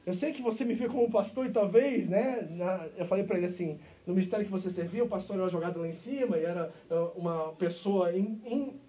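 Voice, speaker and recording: A man with a Brazilian accent preaching a sermon as pastor, moving between loud, emphatic stretches and quiet, intimate asides. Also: sits high, a little fast, few pauses, distant mic. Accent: Brazilian Portuguese. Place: church service.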